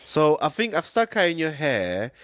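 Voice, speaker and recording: A man speaking as a co-hosts a drag podcast, telling stories with sass. His pitch swings widely as he talks. The recording is dry and close. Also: moderate pace, dry recording. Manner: lively, sassy, storytelling. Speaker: drag co-host and barber. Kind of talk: casual chat.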